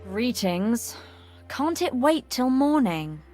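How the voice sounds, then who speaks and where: A woman's voice: fairly high pitch, big pitch swings, slow, darkish tone, faint music behind. An actress playing a blunt, bitter medieval bathhouse woman with earthy speech in a video game. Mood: resentful.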